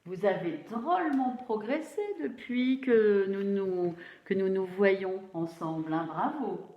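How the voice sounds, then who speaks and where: A woman teacher giving a phonics lesson to young children, slowly spelling out syllables and praising them. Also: mid-range voice. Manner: slow, encouraging, syllable by syllable. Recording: roomy, dull lo-fi sound.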